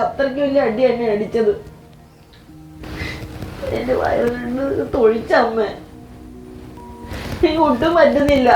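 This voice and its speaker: Actress as crying young wife, high voice, echoey lo-fi sound. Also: female voice, darkish tone. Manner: tearful, despairing. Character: young married daughter, beaten and in despair. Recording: echoey, dull lo-fi sound with faint music.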